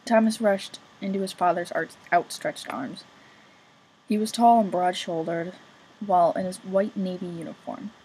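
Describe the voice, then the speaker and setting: A woman's voice: on the low side, fairly even intonation, normal speed, a little mellow, slight background noise, poor audio. A woman reading a novel chapter aloud as an amateur reader, casually remarking on her own slips.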